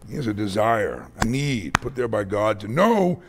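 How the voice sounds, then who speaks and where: A man's voice: on the low side, sing-song, moderate pace, noisy background. A male pastor preaching a blunt, dramatic, emphatic sermon at a conference. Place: conference hall.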